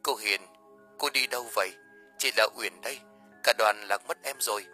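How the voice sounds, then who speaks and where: Man doing a hushed, hurried woman on the phone. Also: on the low side, faint music behind. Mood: worried.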